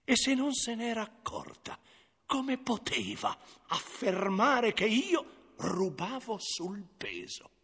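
A man's voice: high-pitched, very animated, slow, bright, forceful tone, husky. A man narrating a 1970s radio comedy as a crafty butcher, theatrical and ironic. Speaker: narrator and first-person butcher.

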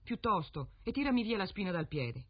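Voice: medium pitch, big pitch swings, fairly quick, breathy edge, dry recording, dull audio, voice pushed up. A storyteller voicing a sly, clever talking fox in a fairy tale, coaxing and exclaiming.

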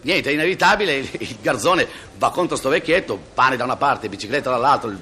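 Man telling jokes, lively pitch. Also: fast, slight background noise. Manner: laughs at own jokes, stumbles and restarts; acts out characters with sudden high and low voices. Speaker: joke teller. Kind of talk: live comic joke telling.

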